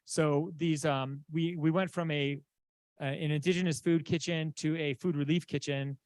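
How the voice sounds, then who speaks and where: A man from Southeast Alaska giving a conference slide talk, halting with many fillers and restarts. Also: on the high side, steady tone, a little mellow, dry recording. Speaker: conference presenter. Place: conference room.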